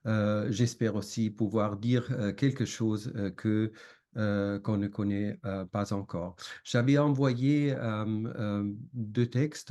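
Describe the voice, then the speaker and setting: A man who is not a native speaker, giving an academic seminar talk with a foreign accent in a halting, hesitant way full of long fillers. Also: on the low side, dark tone. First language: not French. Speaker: academic lecturer.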